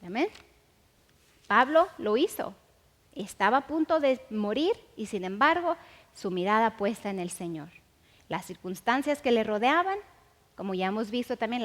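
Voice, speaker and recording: Woman Bible teacher, fairly high voice, emphatic sermon delivery with slow repeated phrases, long hall echo.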